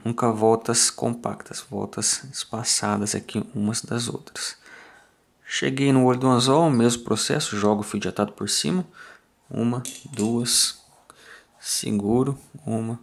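A man with a Brazilian Portuguese accent explains fly tying step by step in a calm, methodical way, counting off each turn aloud. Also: medium pitch, gravelly. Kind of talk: step-by-step tutorial narration.

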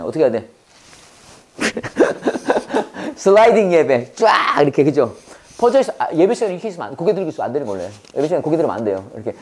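Brief: Korean-accented woman, lower voice, church English teacher, call-and-response drills, slow English then rapid explanation. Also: darkish tone. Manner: drills words by repetition, prompting the class to repeat.

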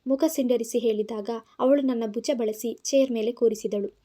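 Woman reading an audio story, kannada accent, mellow kinda high voice. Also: steady tone, moderate pace. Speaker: narrator.

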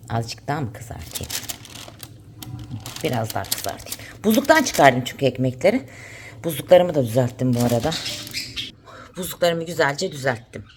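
A woman from Turkey in her thirties, chatting casually to her viewers while she cooks in her kitchen at home. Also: slight background noise. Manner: chatty, talks to her dog in a high teasing voice. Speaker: vlogger. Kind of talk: casual home vlog chat.

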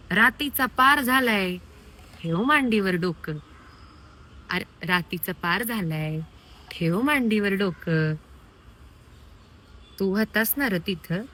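A woman voicing a weary old village woman who speaks in a slow, soft, tearful recitation. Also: on the low side, slight background noise.

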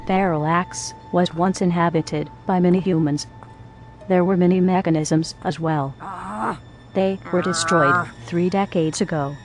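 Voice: mid-range voice, unhurried, soft background music. Goldie, a formal robot caretaker voiced by a performer. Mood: flat, formal. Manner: flat, formal, clipped machine phrasing.

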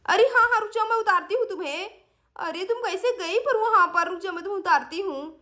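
A woman voicing a lively young woman who chatters and scolds. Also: very high voice, fairly quick, pitched above the performer's own voice. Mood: worried.

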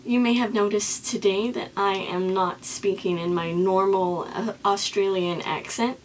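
A young woman talks straight to camera in a mock-serious confessional vlog. Her pitch sits in the middle range and her tone stays earnest and solemn. She often stumbles and restarts her sentences. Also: a little hiss or hum, rough recording. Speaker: comedy vlogger.

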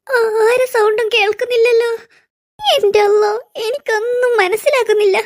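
A worried cartoon auntie voiced by a performer calls out in a piping, squeaky voice. Her anxious, fretful lines sit very high. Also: steady tone, moderate pace. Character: worried auntie searching for a missing girl in the dark.

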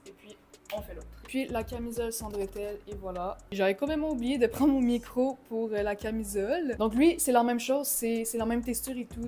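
A young woman with a Québécois accent, her voice sitting a touch high. She rambles casually through a haul vlog, peppering her French with English slang and the odd swear, and sometimes bursts into excitement. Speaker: vlogger.

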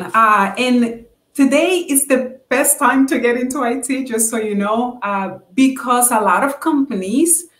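A woman's voice: medium pitch, roomy sound. A woman answering interview questions in an earnest, advice-giving way with many fillers. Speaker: guest.

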